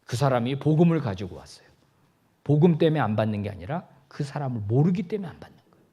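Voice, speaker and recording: A man's voice: mid-range voice, quick pace, slightly rough, muffled recording. A male pastor giving a sermon, joking with the congregation and acting out little dialogues. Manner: animated, jokey, acts out dialogue. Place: church sanctuary.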